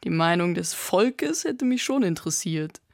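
A woman voicing an easygoing young brother who speaks in a relaxed, teasing, quietly dismissive way, with a gravelly edge. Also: lowish voice, normal speed, no room sound, studio quality. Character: young adult man, sarcastic-easygoing brother.

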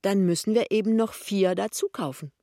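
A man's voice: high-pitched, normal speed, dark tone, no room sound, clean studio sound, voice pushed up. A man voicing a cheerful, practical and stubborn young woman in an audiobook. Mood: insistent.

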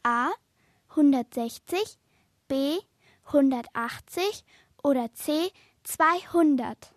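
A woman with a very high voice reads quiz questions to children slowly and deliberately, giving each option its own moment. The recording is close and dry. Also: dry recording. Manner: slow, deliberate. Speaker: quiz reader.

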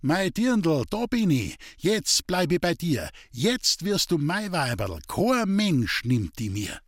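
A man's voice: a little high, sing-song, takes it slowly, no room sound, clean studio sound, pitched above the performer's own voice, exaggerated voice. A man voicing a cheeky young village lad who half-sings his lines exuberantly, in a raised voice.

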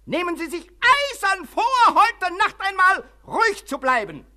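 A condescending asylum doctor. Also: male voice, very high voice, very animated, a little slow, pushed and bright, no room sound, clean studio sound, exaggerated voice. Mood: commanding. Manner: lecturing, dismissive, commanding. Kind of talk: German radio play acting.

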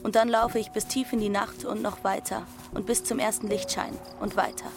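A woman's voice: mid-range voice, fairly even intonation, normal speed, music in the background, natural voice. A woman playing a defiant teenage runaway girl who narrates her journey matter-of-factly in an audio drama. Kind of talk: first-person literary narration in audio drama.

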